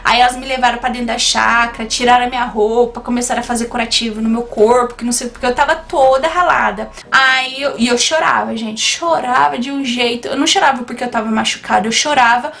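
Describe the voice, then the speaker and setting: High-voiced woman telling a story. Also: fast, creaky, hardly any pauses. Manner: animated, keeps addressing viewers as "gente". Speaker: YouTuber. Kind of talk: storytime vlog.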